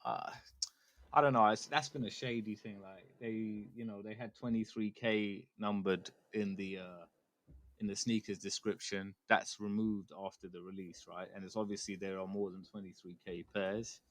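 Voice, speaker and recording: Man on a podcast, fairly low voice, dry sound, rambling and hedging. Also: steady tone, normal speed, fairly bright tone, no room sound. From United Kingdom. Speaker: podcast co-host. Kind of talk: casual chat.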